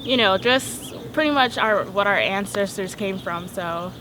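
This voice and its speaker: A woman's voice: mid-range voice, measured pace. Thoughtful young woman, noisy background. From Tucson, Arizona. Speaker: interviewee, university graduate. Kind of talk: documentary interview answers. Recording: noticeable background noise.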